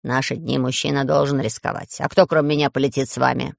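A woman's voice: very deep voice, flat delivery, fast talker, gravelly, dry recording, studio quality, pitched below the performer's own voice, heavily acted. A woman voicing a grave, resigned old male pygmy professor in a storybook reading.

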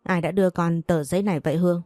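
Woman doing a stern worried mother, storybook reading, lowish mellow voice, dry sound. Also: fairly even intonation, racing, no room sound, faint music behind, natural voice. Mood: trembling. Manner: stern scolding, pleading. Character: worried poor rural mother, stern but tender.

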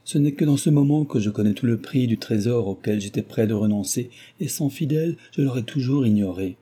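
A man voicing an ardent young gentleman suitor. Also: medium pitch, brisk, husky, lightly acted. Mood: passionate, pleading. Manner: passionate, earnest, insistent. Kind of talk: audiobook reading.

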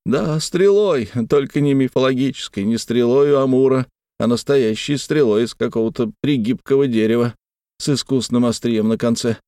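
A man reading as a gravely ill, wounded young man who speaks weakly, slowly and with irony. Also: mid-range voice, mellow, dry recording, clean studio sound, natural voice. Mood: weak wry. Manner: weak, slow, ironic.

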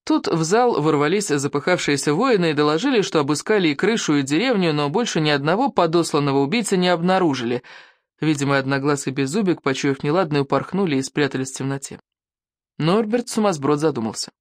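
An audiobook narrator telling an adventure story in a lively manner, doing voices for the characters. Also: medium pitch, quick pace, no room sound, studio quality. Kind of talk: scripted narration.

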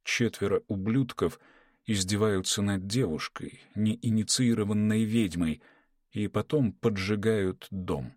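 A man with a lowish voice reads an audiobook in a measured, dramatic manner. The sound is dry and close, with no room around it. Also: a little mellow, no echo. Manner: measured, dramatic reading, voices characters in dialogue. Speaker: audiobook narrator. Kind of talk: scripted narration with character voices.

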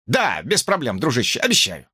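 A man's voice: medium pitch, wildly swooping pitch, moderate pace, bright, forceful tone, husky, no room sound, studio quality, heavily acted. A man reading an audiobook, voicing an agitated, sleep-deprived young man who pleads and erupts in outbursts. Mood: pleading. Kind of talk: audiobook character voice.

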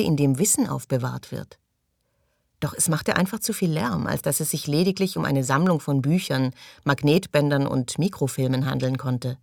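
A woman narrating an audiobook in calm, even storytelling, recorded close in a studio booth. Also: low-pitched, gravelly, no room sound. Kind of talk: scripted narration.

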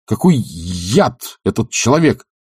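A man's voice: fairly low pitch, very animated, slow pace, a little mellow, husky, no echo, studio quality, voice pushed up, full character voice. A man voicing an idle, irritable young nobleman who scolds impatiently, in an audiobook. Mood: scolding. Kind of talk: audiobook character reading.

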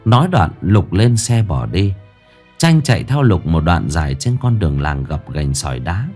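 A man narrating a dramatic ghost story in an expressive way. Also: sits low, moderate pace, slightly rough, soft background music.

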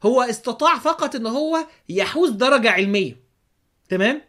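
A man's voice: very high-pitched, expressive, brisk, pushed and bright. A man with an Egyptian Arabic accent hosting a podcast, giving a religious commentary monologue full of sarcastic rhetorical questions. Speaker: podcast host.

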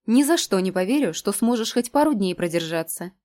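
A skeptical young woman, voiced by a female reader, answering her friend's schemes with dry sarcasm. She speaks near the reader's own pitch, a little firmer than the narration. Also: expressive, fairly quick, mellow, natural voice. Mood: sarcastic.

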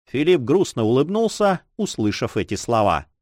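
An audiobook reader, a man with a mid-range voice, narrates an adventure novel aloud with expressive storytelling. The scripted narration moves at normal speed and has studio quality with no room sound.

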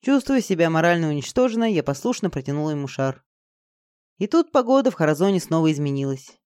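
A reader tells a fantasy story in an even, dramatic manner. The voice sits in a middle range. It is recorded dry and close, with no room sound. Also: mid-range voice, quick pace, smooth, no room sound. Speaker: audiobook narrator. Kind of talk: fantasy audiobook narration.

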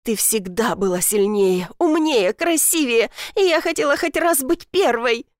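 A woman's voice: fairly high pitch, lively intonation, a little slow, no echo, studio quality. A woman voicing a jealous young woman, the younger sister in an audiobook, her voice trembling with rage. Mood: bitter, tearful.

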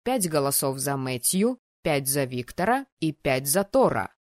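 A stern, cold male dean of a magic academy, giving short, commanding orders in a formal tone, as a woman narrator drops her voice low to play him. The voice sits clearly deeper than the narration around it. The recording is close and dry, with no room sound. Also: big pitch swings, measured pace, no echo, heavily acted. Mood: curt. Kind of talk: audiobook character voice.

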